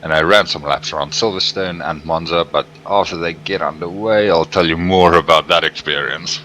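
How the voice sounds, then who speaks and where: A man's voice: low voice, moderate pace, bright, forceful tone, low-quality recording. A man co-commentating casually on a live sim race, speaking hesitantly with repeated words. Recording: faint background noise.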